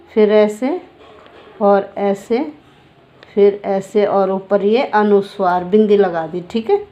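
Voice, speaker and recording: A woman's voice: mid-range voice, darkish tone. A woman teaching handwriting, walking through each stroke and repeating them patiently. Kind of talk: handwriting lesson.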